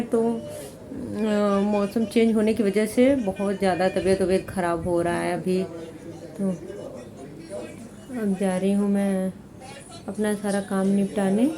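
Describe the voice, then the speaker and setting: A woman in her thirties chatting casually in a home vlog, homely and rambling. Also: mid-range voice. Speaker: vlogger. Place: home kitchen.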